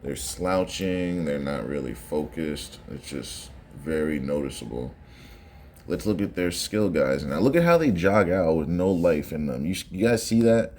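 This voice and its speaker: Really deep mellow guy doing casual sports reaction, bit of noise behind him. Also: expressive, unhurried. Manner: conversational, repeats phrases for emphasis.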